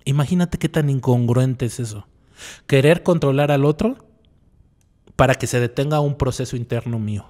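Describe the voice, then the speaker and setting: A man's voice: medium pitch, moderate pace, warm tone. A male psychologist giving a reflective radio talk, asking the listener rhetorical questions and repeating key phrases. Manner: asks the listener rhetorical questions, tags lines with "¿no?".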